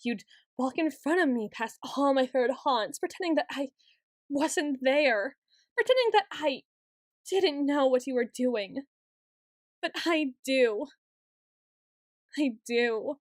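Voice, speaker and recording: A woman's voice: high voice, lively intonation, slow pace, long pauses, no room sound, clean studio sound. A woman playing a paranoid, obsessive young yandere student in an ASMR role-play, stammering, pleading and accusing as she repeats her words insistently. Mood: bitter, obsessive. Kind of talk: ASMR role-play monologue, acted straight to the listener.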